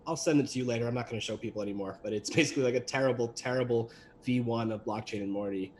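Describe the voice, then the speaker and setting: Talking very fast in a medium-pitched voice, a young voice actor and animator guests on a livestream and chats loosely about his voice work, stumbling through fillers and restarts. A little hiss or hum sits under the audio.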